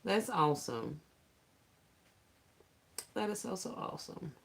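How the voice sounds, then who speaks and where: A woman's voice: on the low side, animated, takes it slowly, slight background noise. A woman hosting a casual livestream, greeting viewers by name, laughing often and teasing playfully. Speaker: livestream host.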